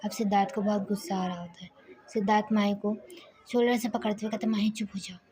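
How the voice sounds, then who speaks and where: A woman's voice: mid-range voice, steady tone, fast, mellow, poor audio. A woman narrating a spoken story casually, often restarting her sentences and sometimes whispering. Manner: loose, self-correcting, partly whispered.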